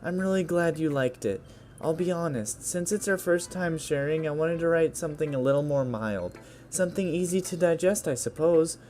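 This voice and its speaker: A man putting on a timid girl's high voice. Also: normal speed, a little mellow, faint music behind, close to an everyday voice. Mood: shy, hesitant. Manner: hesitant, apologetic, stammering. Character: shy, timid teenage girl poet, soft-spoken. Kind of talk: video game voice-over reading.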